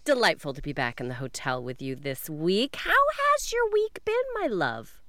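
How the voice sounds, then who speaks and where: Female podcast co-host, effusive, bright forceful voice, lively pitch, casual chat. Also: normal speed, no room sound, studio quality.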